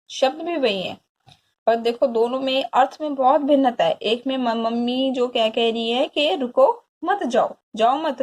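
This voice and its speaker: A woman teaching a grammar lesson in a slightly high voice. She speaks straight to her pupils and repeats each definition slowly, phrase by phrase, so they can take it down word for word. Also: darkish tone. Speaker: school teacher. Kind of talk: explanatory classroom lesson.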